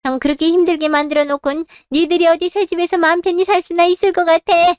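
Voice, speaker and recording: A woman's voice: very high voice, flat delivery, fast talker, no echo, studio quality. A woman doing a domineering, nagging older mother-in-law. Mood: reproachful. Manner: reproachful, demanding, harping. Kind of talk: dramatized story reading.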